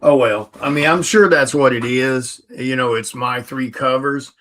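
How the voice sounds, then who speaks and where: A man's voice: mid-range voice, a little slow, a bit bright. A tired man who is a comic artist, chatting casually on a livestream while he sorts orders and mutters the items to himself.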